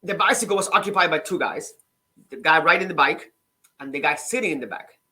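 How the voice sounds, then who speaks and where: Expressive, bright, and forceful, this fairly high voice comes from a middle-aged man from Cuba who writes books and runs his own channel. Telling his story informally, he stumbles into frequent restarts and keeps checking in with "right?"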